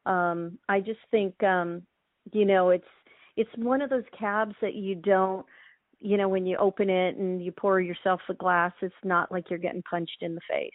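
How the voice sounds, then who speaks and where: A middle-aged woman from Hawaii, a winemaker chatting casually in an interview, relaxed with many ums and restarts. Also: mid-range voice, normal speed, no room sound. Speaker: winemaker guest. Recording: thin phone-like line, dry.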